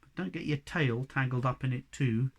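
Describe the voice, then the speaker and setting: A man reading a storybook aloud, voicing a cheerful, sensible young male Moomin troll with a lively, encouraging manner. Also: mid-range voice, moderate pace, vocal fry, husky. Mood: exasperated.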